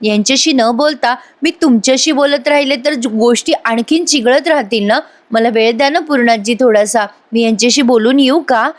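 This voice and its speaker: A gentle young wife pleads with her in-laws, soothing and earnest. A woman narrator reads her in her own high, light voice. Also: moderate pace, few pauses, close to an everyday voice. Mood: pleading.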